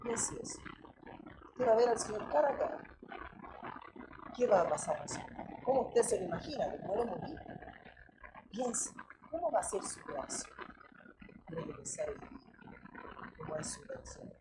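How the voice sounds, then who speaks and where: A woman's voice: medium pitch, big pitch swings, moderate pace, pauses often, background noise. Chilean woman preaching emphatically. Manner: emphatic, asks many rhetorical questions, keeps addressing listeners as brother. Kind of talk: sermon.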